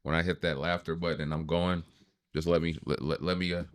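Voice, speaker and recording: A man in his late thirties hosting a podcast, talking in a relaxed, reflective way and swearing casually. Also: deep voice, brisk, clear, resonant tone, no room sound. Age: 30s. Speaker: podcast host.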